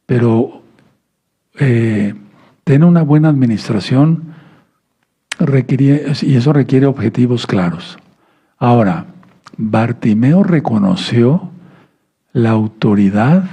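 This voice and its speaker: A man preaches a sermon in a patient teaching tone. His voice is gravelly and a little husky, with a warm, dark colour. He stumbles over and restarts words and keeps asking his listeners whether they follow. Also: mid-range voice. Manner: teaching tone, many restarts and stammered words, asks the audience "¿sí?".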